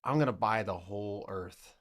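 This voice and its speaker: A man's voice: fairly low pitch, moderate pace. A man in his thirties hosting a trading live stream, talking loosely through charts, swearing now and then and answering his chat. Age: 30s.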